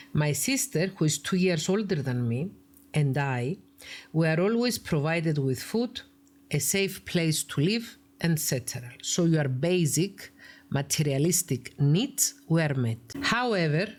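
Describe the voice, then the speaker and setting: A woman psychologist and YouTube host from Cyprus, speaking with a Greek Cypriot accent, reads a viewer's email aloud and comments on it. She is earnest and emphatic, at times dropping to a whisper for stress. Her voice is low with a darkish tone.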